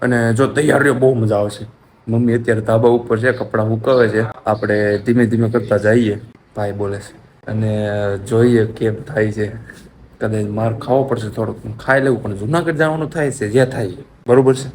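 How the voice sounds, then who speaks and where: A man's voice: on the low side, steady tone, normal speed, darkish tone, a little hiss or hum. A young man from Gujarat, chatting casually to viewers in a home vlog and pleading playfully with his mother. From Gujarat, India. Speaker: vlogger. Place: family home, rooftop.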